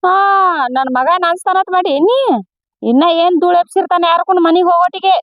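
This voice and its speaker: Shrill, fast North Karnataka village woman. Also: background noise. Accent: North Karnataka Kannada. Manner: quarrelsome, complaining. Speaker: mother in a village comedy skit. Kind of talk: scripted comedy skit dialogue.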